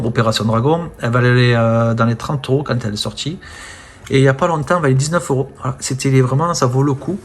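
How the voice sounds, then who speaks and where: Husky guy rambling about his movie steelbooks, lots of um and voilà, fades out quiet at the end of sentences. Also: mid-range voice. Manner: chatty, full of fillers and "voilà", trails off softly at phrase ends. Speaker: film collector presenting his steelbooks. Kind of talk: casual unboxing-style chat.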